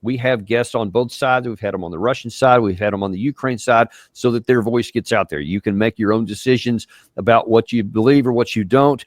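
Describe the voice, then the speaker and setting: A man hosting an interview, speaking in a measured way with frequent fillers and restarts. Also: medium pitch, no echo, clean studio sound. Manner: measured, halting with many fillers. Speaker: host. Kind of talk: interview host talk.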